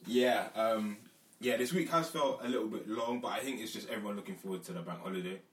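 A man's voice: lowish voice, very fast, far from the mic, a loud crowd. A man with a London accent chatting casually as a podcast host, using street slang. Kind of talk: casual chat. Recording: echoey room, off mic.

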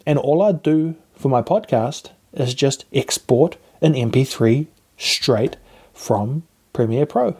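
A man gives casual advice as a podcast host, speaking into a lapel mic. His tone is dark and relaxed, and he coaches listeners informally with encouragement. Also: mid-range voice, takes it slowly, husky. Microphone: lapel mic plugged into a phone.

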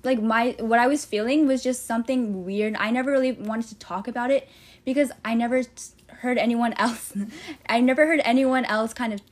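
Young woman, high voice, giggly, rambling, casual podcast chat. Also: moderate pace. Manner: giggly, rambling, lots of fillers. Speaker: podcast co-host.

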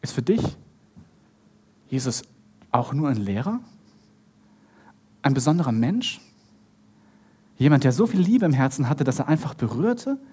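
A preacher retelling a Bible story in a lively sermon, acting out the characters and speaking straight to the listener. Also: medium pitch, a little slow, long pauses, breathy edge. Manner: animated, acts out the characters and talks straight to the listener.

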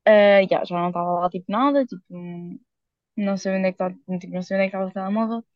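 A young woman with a European Portuguese accent telling a story in casual chat, rushing through it with lots of fillers and slang. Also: medium pitch, no echo, dull audio. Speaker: podcast co-host.

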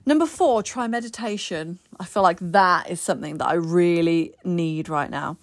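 A woman hosting a casual live chat, working through a list of tips. She sounds exasperated and snaps back quickly, laughing between her points. Her voice is close and dry, with no room sound. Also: lowish voice, no echo. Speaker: host of a live Q&A.

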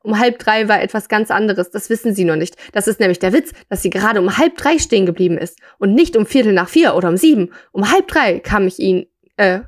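A woman's voice: medium pitch, lively intonation, brisk, hardly any pauses, natural voice. Woman reads bombed-out young man, eager and fixated, plain read-aloud storybook voice. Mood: earnest. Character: cheerful young man who lost everything, fixated on his broken clock. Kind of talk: reading a short story aloud.

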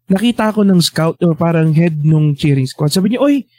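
Guy in his 30s, high mellow voice, lively storyteller, dry sound. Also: moderate pace, no room sound. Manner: animated storyteller, voices people he quotes. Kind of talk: casual storytelling chat.

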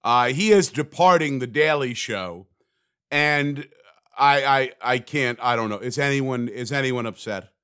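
A man's voice: medium pitch, a little slow, a bit bright, smooth. A man hosting a comedic solo podcast, talking in a sarcastic, rambling, self-mocking way. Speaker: podcast host.

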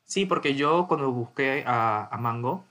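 A woman co-hosting a casual chat who explains things calmly and plainly. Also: a bass voice, a little slow.

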